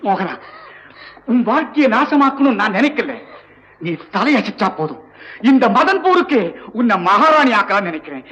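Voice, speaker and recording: A man's voice: extremely high pitch, sing-song, moderate pace, pauses often, bright, forceful tone, highs cut off, heavily acted. An actor playing a domineering male maharaja who speaks in a commanding way. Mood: coaxing. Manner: commanding, imperious.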